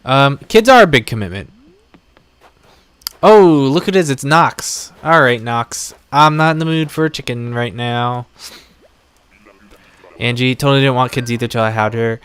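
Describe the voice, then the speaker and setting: A young adult man chats off the cuff on a live stream, drifting from one thought to the next in a warm, chatty way toward his viewers. His smooth, resonant, mid-pitched voice sounds close to a desk mic, at a moderate pace in a dry recording.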